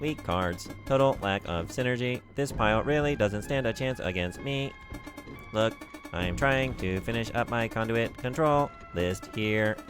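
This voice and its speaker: A man's voice: medium pitch, voice pushed up, natural voice. A man putting on a robot voice to read a game's haughty robot card duelist, stiff and bossy toward a weak opponent. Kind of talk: reading game dialogue aloud on a stream.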